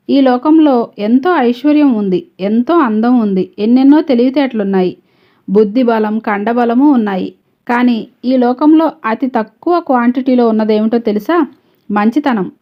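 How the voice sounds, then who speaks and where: Heartfelt young woman in a told story, a woman reading her lines, kinda high voice, muffled lo-fi sound, speaks with feeling. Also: normal speed, natural voice. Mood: emotional. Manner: earnest, heartfelt. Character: young woman, earnest and emotional.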